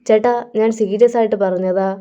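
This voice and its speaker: A woman's voice: mid-range voice, fairly even intonation, a little fast, mellow, clear, resonant tone, dull audio, natural voice. A woman voicing an earnest young man in love who speaks in an insistent, pleading way.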